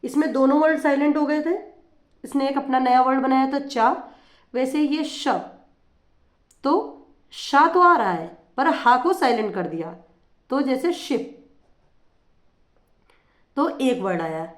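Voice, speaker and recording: A woman's voice: high-pitched, lively intonation, slow pace, long pauses, reverberant. A woman teacher explaining phonics in a patient lesson, repeating examples as she goes.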